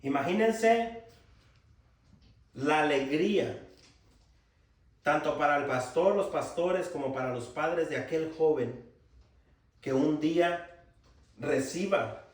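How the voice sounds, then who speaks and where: A man's voice: on the high side, slow, pauses often. A man preaching a sermon to young people as their pastor, emphatic and full of rhetorical questions. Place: church hall. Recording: very echoey church hall from far off.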